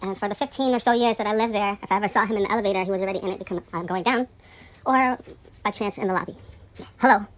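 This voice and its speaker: Racing through a meandering, foul-mouthed tale, a woman vents her indignation casually, her voice shooting up high and loud at the moments that outrage her.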